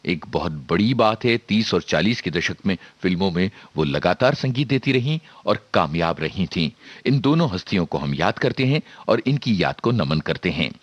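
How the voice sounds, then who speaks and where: A man presenting on radio, sharing information in a measured way with frequent filler pauses. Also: low voice, expressive, no room sound, dull audio.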